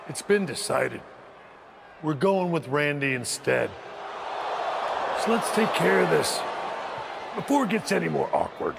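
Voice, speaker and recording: This game cutscene features an actor as a scheming wrestling faction leader who talks down to others in a measured, stern, gravelly manner. His male voice is fairly high with lively intonation, and the recording is very noisy. He comes across as cold and firm.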